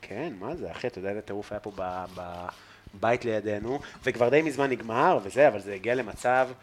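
A man hosting a podcast in a loft apartment, telling stories in a lively, slangy, casual way. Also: on the low side, a little hiss or hum. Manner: animated storyteller, slangy, calls the listener bro. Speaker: podcast host. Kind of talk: casual chat, storytelling.

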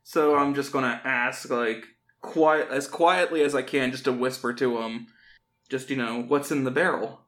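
A man playing a tabletop game, speaking calmly and deliberately as his character. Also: mid-range voice. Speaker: player. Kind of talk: tabletop play.

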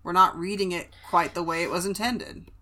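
Woman co-host with a bright, forceful voice, casual and supportive in book talk. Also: fairly low pitch, steady tone, moderate pace. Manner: supportive, reacts and adds comments. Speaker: podcast co-host.

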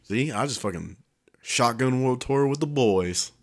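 A man's voice: medium pitch, animated, unhurried. A young man co-hosting a casual chat podcast, crude and teasing, laughing often as he reminisces. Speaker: podcast co-host.

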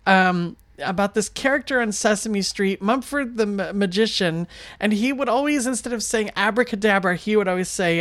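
A woman's voice: medium pitch, no room sound. A woman hosting in a casual chat style, introducing clips. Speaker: show host.

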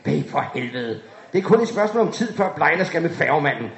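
A man's voice: a little high, sing-song. A man voicing a stern male officer who curtly demands answers, in a dull, echoey room recording. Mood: demanding. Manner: curt, demanding.

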